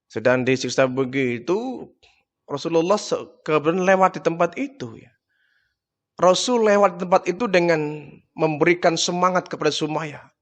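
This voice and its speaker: A man's voice: a little high, normal speed, muffled recording. A male preacher telling a vivid story as a sermon, often tagging his sentences with a short "ya". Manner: vivid retelling with frequent "ya" tags.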